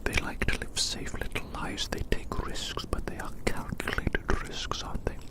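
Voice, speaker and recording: Whispering without voicing, breathily, this ASMR artist performs a roleplay monologue, musing in a deliberate way and circling back to repeat phrases.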